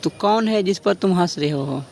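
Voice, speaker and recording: High-voiced, gravelly teacher dictating slowly. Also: male voice, a little mellow. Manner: slow, drawn-out dictation of example sentences. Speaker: English grammar teacher. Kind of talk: exam-prep grammar lesson.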